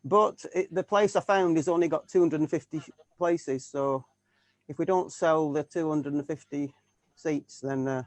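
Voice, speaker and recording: A man's voice: a little high, moderate pace, no room sound. A man from the UK, a keyboard player in a tribute band, chatting casually in an interview and stumbling through many restarts and fillers.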